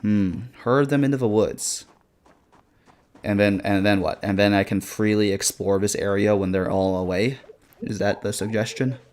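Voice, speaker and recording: A man's voice: fairly low pitch, normal speed, darkish tone. A man streaming a horror game live, commenting casually with slang and reacting in a scared, jumpy way. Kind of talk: live gaming commentary with asides to chat.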